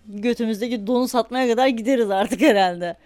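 A woman hosting a podcast, telling a casual story in an animated way, laughing often and swearing freely. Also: fairly high pitch, a little fast, no echo. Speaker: podcast host.

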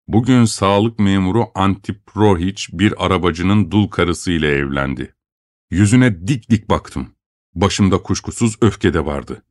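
Man, first-person story narration, expressive, measured, close dry sound. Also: low voice, dry recording.

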